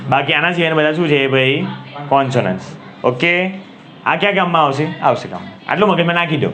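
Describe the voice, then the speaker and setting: A man's voice: a little high, expressive, fairly quick, fairly bright tone, faint music behind. Gujarati man lecturing a classroom. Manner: asks the class questions and repeats key words. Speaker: English grammar teacher.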